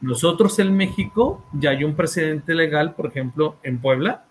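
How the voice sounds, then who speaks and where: At a moderate pace, a man with a Mexican Spanish accent, an author and therapist, presents his book in an academic talk. His voice is on the high side, and he often hesitates with fillers and repeated words while checking in with listeners.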